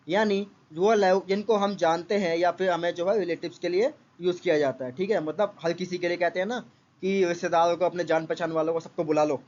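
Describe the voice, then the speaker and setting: A man teaching English vocabulary and idioms to exam aspirants, explaining slowly with many fillers and repeated checks. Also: high voice. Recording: dull lo-fi recording.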